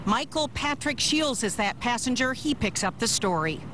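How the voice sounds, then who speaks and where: An American woman delivers a live news report in a fairly high voice. She sounds like a field reporter, with clear outdoor vehicle noise around her. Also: expressive, normal speed. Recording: noisy outdoor live report, traffic hum.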